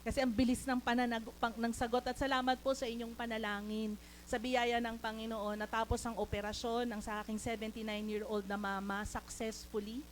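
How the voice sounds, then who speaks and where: A woman's voice: on the high side, little pitch movement, fairly quick, slight background noise, poor audio. A woman with a Filipino accent preaching a sermon in church, mixing English into her talk and calling for amens. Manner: mixes English into Tagalog, calls for amens. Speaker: lay preacher.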